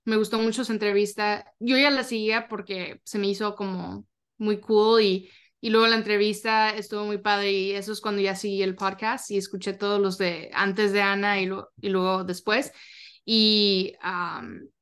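A woman's voice: mid-range voice, level tone, normal speed, fairly bright tone, clear, resonant tone. A woman podcast guest chatting casually in non-fluent, with an occasional English word slipped in. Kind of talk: casual chat.

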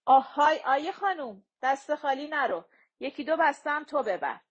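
A woman's voice: high voice, muffled recording, voice pushed up, lightly acted. A woman doing a playful, teasing young woman.

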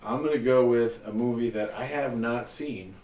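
A man co-hosting a casual movie podcast, loud, joking and swearing freely. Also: medium pitch, normal speed. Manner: loud, profane, jokey. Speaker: podcast co-host. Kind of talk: casual chat. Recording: roomy, distant mic, faint noise.

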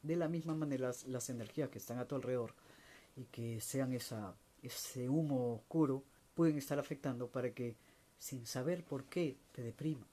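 Mellow-voiced spiritual speaker, rhetorical questions. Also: medium pitch, moderate pace. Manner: asks rhetorical questions, acts out little everyday dialogues. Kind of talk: reflective spiritual talk.

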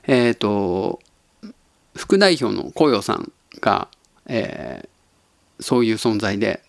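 A man from Tottori hosts a casual solo podcast at a middle pitch. He muses in an easygoing, unhurried way and chuckles often. The voice sounds close and dry, with no room sound. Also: vocal fry, dry recording. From Tottori, Japan. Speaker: podcast host.

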